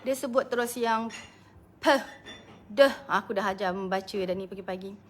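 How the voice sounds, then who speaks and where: A woman's voice: mid-range voice, moderate pace, a little hiss or hum. A Malaysian woman business coach chatting casually on a live stream, greeting viewers by name and laughing often.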